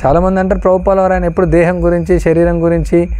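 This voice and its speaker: A man giving a storytelling devotional talk, mixing in English phrases and pausing with frequent fillers. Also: high-pitched, level tone, warm tone. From Andhra Pradesh. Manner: anecdotal, mixes English phrases, many fillers. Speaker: devotional speaker.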